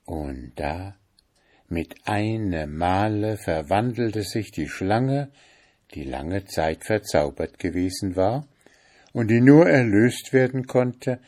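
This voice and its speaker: A man reading a fairy tale aloud in a slow, expressive storytelling manner. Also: lowish voice. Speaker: reader.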